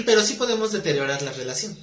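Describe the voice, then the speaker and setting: A male preacher, his voice sitting a little higher than most men's. He preaches in an easy, conversational way, asking rhetorical questions and dropping in small jokes. The roomy sound of the hall comes through in the recording. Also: big pitch swings, brisk, bright, forceful tone, slight background noise. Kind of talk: live sermon. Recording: roomy live-stream audio.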